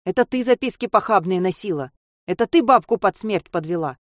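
A woman voicing a spiteful old male watchman who shouts accusations. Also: medium pitch, expressive, fairly quick, no room sound, studio quality, lightly acted. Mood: furious.

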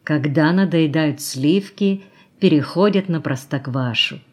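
A woman's voice: sits low, a little slow. Woman reading a mocking worldly society lady. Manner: teasing, mocking, coaxing. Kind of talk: audiobook character reading.

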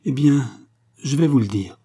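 A man's voice: mid-range voice, normal speed, mellow, husky, natural voice. A man reading a novel aloud and voicing a fervent, pleading young pregnant woman. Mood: troubled. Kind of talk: audiobook reading.

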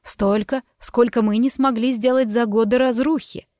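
A woman's voice: a little high, fairly even intonation, moderate pace, a little mellow, no room sound, clean studio sound, natural voice. A woman voicing a supportive townswoman who defends the heroine earnestly.

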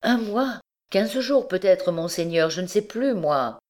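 A woman reading an audiobook, voicing a desperate, frantic old recluse mother who pleads in a high, strained voice. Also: moderate pace, darkish tone, lightly acted. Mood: pleading. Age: older.

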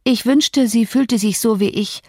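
A woman's voice: a little high, a little slow, mellow, no echo, voice pushed up. Sickly teenage boy read by a woman, whiny, taunting, raised voice, dry audiobook sound. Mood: whining.

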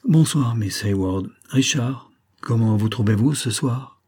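A man voicing a calm, kindly vicar in an audiobook, asking gently after a young man. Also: mid-range voice, measured pace, breathy edge. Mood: concerned. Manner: gentle, concerned.

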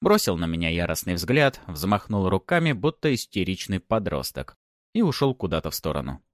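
Low-voiced man narrating with sarcasm. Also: very animated, moderate pace, dry recording, studio quality. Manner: sardonic, mocking. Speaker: audiobook narrator. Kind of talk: first-person audiobook narration.

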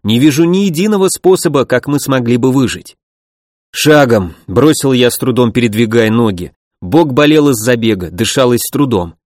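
A man narrating a first-person fantasy audiobook in a steady storytelling voice. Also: mid-range voice, brisk, hardly any pauses, no echo, clean studio sound.

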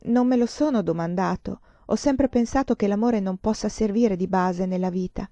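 A woman's voice: mid-range voice, moderate pace, dark tone, no echo, close to an everyday voice. A woman reading an earnest young student. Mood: reflective.

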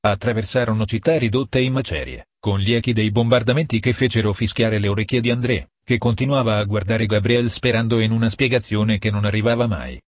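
A man reading a story aloud as an audiobook narrator, in a measured way that slows for emphasis. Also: fairly low pitch, fairly even intonation, dry recording.

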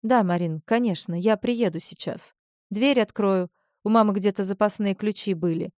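A caring, obliging young man, read by a woman narrator. He sounds gentle and reassuring in her own middle-pitched voice. The storybook recording is dry and close. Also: normal speed, no room sound, natural voice.

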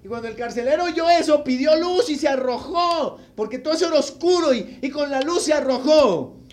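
A male pastor preaching a sermon, telling a Bible story with animated delivery and asking the congregation questions. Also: extremely high pitch, a little fast. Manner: acts out the people in the story.

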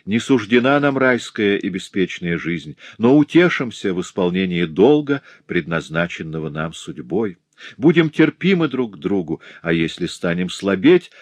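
A man's voice: sits low, no room sound. A man voicing an earnest noble wife. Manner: earnest and pleading. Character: remorseful devoted young noble wife. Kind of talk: audiobook reading.

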